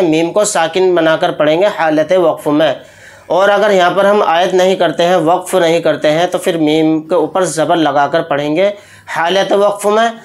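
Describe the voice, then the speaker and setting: A man teaching Quran recitation rules, explaining each sound slowly and deliberately, then chanting the verses in long drawn-out tones. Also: sits high. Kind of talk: tajweed lesson. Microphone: close mic, speaking while pointing with a pen.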